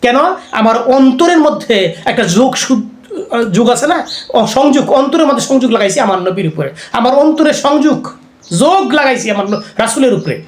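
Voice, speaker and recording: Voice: high-pitched, expressive, fairly quick, reverberant. An Islamic preacher giving a conversational religious lecture, often putting rhetorical questions to the listeners.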